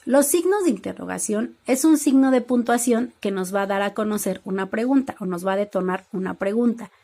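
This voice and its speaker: A woman's voice: on the high side, darkish tone. A woman teacher, explaining a lesson to her students and reading examples aloud. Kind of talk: classroom lesson.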